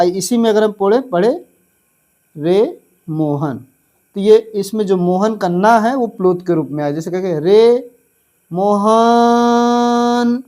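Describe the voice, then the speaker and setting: A man teaching an online grammar lesson for exam preparation. He addresses viewers as friends and drills syllables slowly. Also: high-pitched, mellow.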